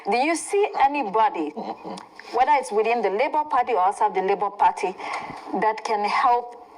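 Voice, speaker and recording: A woman interviewing a guest, asking questions in a calm, conversational way. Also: a little high, moderate pace, slight background noise, poor audio.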